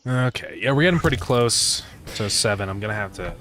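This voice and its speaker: A man developing a game on a live stream, thinking aloud in a relaxed way and answering chat with fillers. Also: fairly low pitch, fairly quick, a little hiss or hum. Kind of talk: casual live-stream chat while coding.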